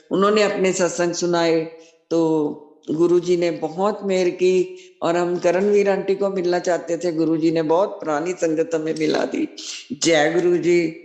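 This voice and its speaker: A middle-aged woman sharing a devotional testimony as spoken storytelling, acting out quoted dialogue and repeating devotional refrains. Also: fairly low pitch. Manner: animated storyteller who acts out quoted dialogue. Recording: echoey room.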